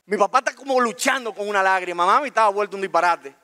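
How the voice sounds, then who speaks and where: A man with a Dominican accent telling a personal story on stage, colloquial and animated, acting out scenes. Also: high voice, quick pace. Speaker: speaker. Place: stage in a talk venue.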